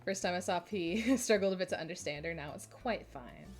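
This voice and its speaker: A Minnesota woman in her twenties, with a Midwestern American accent, chats casually and giggles while streaming a game. Her voice sits on the low side and sounds animated and a little fast, and she's chatty and self-deprecating. Faint music plays behind her.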